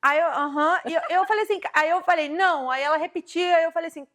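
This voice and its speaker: A woman from Brazil, hosting a casual chat, telling animated, slangy stories and acting out the dialogue. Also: very high voice, fast. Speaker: host.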